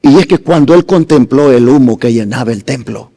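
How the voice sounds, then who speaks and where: A man preaching a sermon as pastor, slow and dramatic, rising to loud emphasis and dropping to hushed phrases. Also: mid-range voice, gravelly, long reverb tail.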